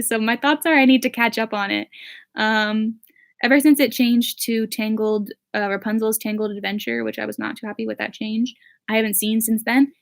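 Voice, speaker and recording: A young woman in her late teens answering viewer questions in a casual chat, with lots of "like" and "um" fillers. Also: on the high side. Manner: chatty, full of "like" and "um" fillers.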